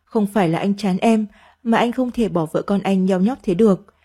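A woman's voice: medium pitch, normal speed, mellow, husky, close to an everyday voice. A woman voicing a tired, irritable married man who wants to end an affair, in a read-aloud story. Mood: weary. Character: married man, weary, evasive lover.

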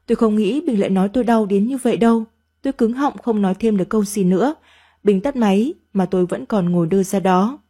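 Brief: woman storyteller, mellow dark tone, mid pitch, steady first-person narration.

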